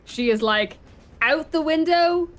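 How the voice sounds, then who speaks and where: A woman narrating a tabletop role-playing game in an informal, animated storytelling way. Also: high voice, slow pace, soft background music. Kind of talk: casual improvised game narration.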